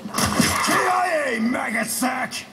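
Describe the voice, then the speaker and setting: A gravelly, gruff marine barking brash taunts in a video game. His voice sits high and swings widely as he drags out his words. Loud gunfire and game noise pound behind him. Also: lively intonation, very slow, exaggerated voice. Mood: brash taunting. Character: gruff tough male marine soldier fighting zombies.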